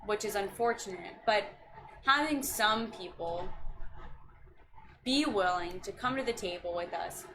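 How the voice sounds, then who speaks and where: A woman in her twenties who works as county district staff talks earnestly and passionately about local policy in a casual chat on a video stream. Her mid-range voice is animated, a little slow, with long pauses. It comes through a video call microphone in a noisy recording.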